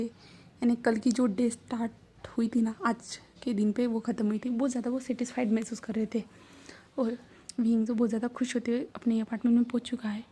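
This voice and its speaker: A woman casually retelling a romance fan story, soft and half-whispered, rambling with repeated words. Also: fairly high pitch, husky.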